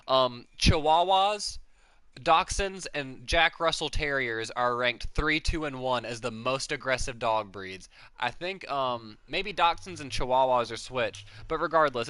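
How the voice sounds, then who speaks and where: A man's voice: medium pitch, pushed and bright, clean tone, no room sound. A man livestreaming and chatting casually, rambling and swearing with lots of "like" fillers. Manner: rambling, profane, peppered with "like". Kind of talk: casual chat.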